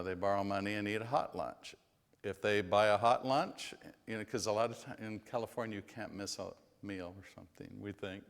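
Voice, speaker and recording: A man's voice: lowish voice, long reverb tail. A man leading a parenting class at a church, speaking in a folksy, conversational way with plenty of fillers. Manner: folksy, acts out yelling parents. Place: church hall.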